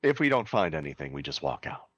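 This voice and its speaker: A man's voice: a bass voice, very animated, fast, breathy edge, no echo, dull audio. A man playing a tabletop role-playing game, planning moves in a plain, matter-of-fact way. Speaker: player. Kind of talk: casual game table chat.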